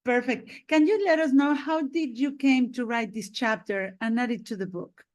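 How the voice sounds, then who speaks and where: An enthusiastic woman hosts a video-call interview with a high, bright-sounding pitch. She greets and praises her guest warmly, leaning on fillers as she frames each question. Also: moderate pace. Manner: enthusiastic, repeats "this is amazing". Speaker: host.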